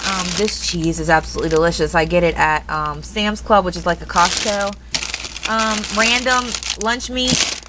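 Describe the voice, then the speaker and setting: A woman's voice: fairly low pitch, moderate pace. A young woman giving a casual, rambling home tour, full of ums and blunt opinions. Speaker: vlogger. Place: kitchen at home. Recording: dull lo-fi home video with noise.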